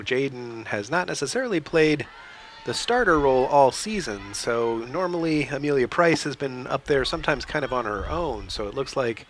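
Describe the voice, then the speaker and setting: This male commentator sounds hoarse from a cold as he gives live, relaxed play-by-play of a soccer match outdoors, his voice medium in pitch. He stays steady and talkative, restarting phrases now and then and clearing his throat, with slight background noise in the recording.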